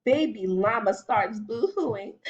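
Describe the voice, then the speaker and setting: A woman teacher reading a picture book aloud to children, animated and stopping often to ask them questions. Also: on the low side. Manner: animated, asks children questions as she reads. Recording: dull lo-fi recording.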